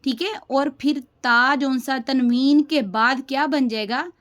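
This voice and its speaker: A woman teaching a beginner tajweed lesson, patient and repetitive, spelling out sounds slowly and checking in with "theek hai" after each point. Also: sits high, steady tone, a bit bright. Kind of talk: beginner lesson explaining step by step.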